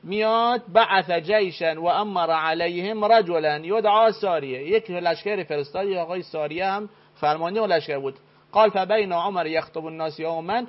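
A man with a fairly high voice, debating as the show's expert and reading out old texts with firm deliberation. The sound is muffled and lo-fi, like a broadcast feed. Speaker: studio expert. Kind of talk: scholarly studio debate.

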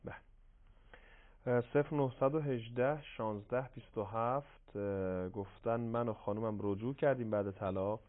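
Hesitant TV host, tinny sound. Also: male voice, medium pitch. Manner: measured, hesitant with frequent fillers. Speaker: program host reading viewer questions. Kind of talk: live broadcast hosting. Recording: tinny phone-like broadcast audio.

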